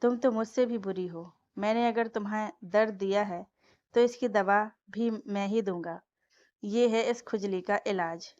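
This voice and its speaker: A woman's voice: medium pitch, measured pace, a little mellow, lightly acted. A woman reading a smug, teasing young man. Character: cocky teasing young man, playful rival-husband. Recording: dull lo-fi dry recording.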